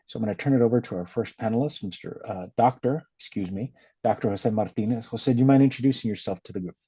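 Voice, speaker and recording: Relaxed male moderator, warm low tone, muffled online call sound. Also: fast talker, slightly rough, no room sound. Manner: friendly, filler-laden moderating. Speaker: webinar host, consultant. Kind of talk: hosting a webinar panel. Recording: dull lo-fi webinar audio.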